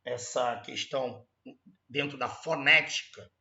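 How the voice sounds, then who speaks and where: A man with a Brazilian Portuguese accent teaching an exam correction lesson, animated and emphatic, stretching out sounds to show them. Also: mid-range voice, slow, reverberant, dull audio.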